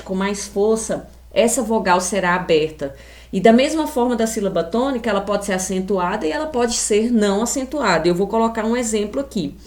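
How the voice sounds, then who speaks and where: A Brazilian woman teacher with a Brazilian Portuguese accent records a video lesson for young pupils. Her voice sits at an ordinary middle pitch. She speaks to the class directly and slowly, leaning hard on each example word. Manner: slow and emphatic, stretching example words.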